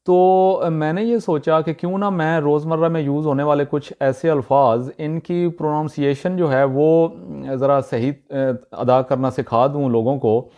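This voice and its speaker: A man's voice: on the high side, warm tone, muffled recording. Man teaching pronunciation. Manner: repeats example words slowly, many "uh" pauses. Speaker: YouTube teacher. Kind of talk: pronunciation lesson.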